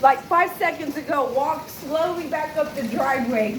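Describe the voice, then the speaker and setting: A woman's voice: high voice, moderate pace. A woman chatting casually at home during a storm, away from the camera. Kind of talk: casual chat. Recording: echoey, distant from mic, storm noise.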